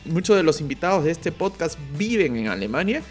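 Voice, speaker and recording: A man's voice: a little high, very animated, brisk, faint music behind. A Peruvian man hosting a casual podcast, talking in a chatty way with many fillers and repeated words. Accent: Peruvian Spanish. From Peru. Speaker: podcast host. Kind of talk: casual podcast intro and interview.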